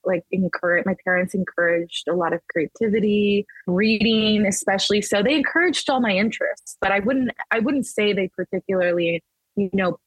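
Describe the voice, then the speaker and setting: Guesting in an interview, a Texas-born artist in her thirties who grew up in Las Vegas talks casually, meandering through her thoughts with plenty of restarts and fillers. She has a husky, medium-pitched voice and a moderate pace. The recording is rough but free of echo.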